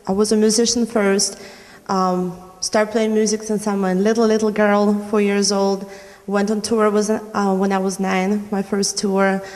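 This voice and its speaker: A woman's voice: medium pitch, level tone, unhurried, a little mellow, in a large hall. A young woman from Norway, a recording artist, talking about her music in an interview, with many "you know" fillers. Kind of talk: interview answers.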